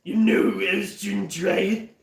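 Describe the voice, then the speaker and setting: A man doing an impression of a brash, rowdy cartoon man, with loud, cocky taunting. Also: high voice, fairly even intonation, unhurried, gravelly, full character voice. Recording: echoey room, mic at a distance.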